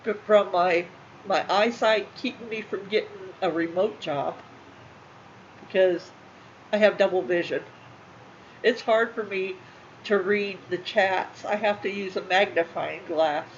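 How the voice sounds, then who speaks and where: A middle-aged woman, talking casually and emotionally to her viewers, halting and repeating herself. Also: fairly low pitch. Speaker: channel host. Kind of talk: casual talk to livestream viewers. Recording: slightly muffled with faint room noise.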